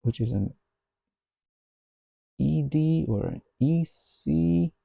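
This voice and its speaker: A man thinking aloud while he codes, musing slowly and half to himself. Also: on the high side, creaky, dark tone, husky, no room sound, clean studio sound. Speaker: software developer.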